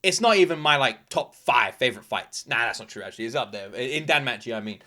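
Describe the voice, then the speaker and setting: A man giving casual, excited reaction commentary, gushing and exclamatory and swearing freely. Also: medium pitch, fast. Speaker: reaction video host.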